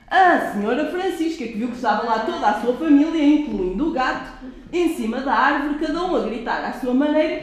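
A woman's voice: high-pitched, slight background noise. A woman reading a picture book aloud to children and asking them questions as she goes. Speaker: children's storyteller. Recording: very echoey room.

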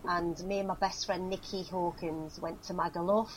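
A middle-aged actress, appearing as an interview guest, chats casually and reminisces with frequent laughs and fillers. Her fairly low voice holds a steady tone at normal speed, and the audio is poor, with slight background noise.

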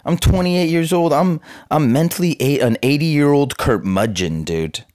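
A Southern California vlogger in his twenties rambles to the camera in a fairly high, darkish voice at normal speed. He's laid-back, slangy, and cynical, with lots of fillers.

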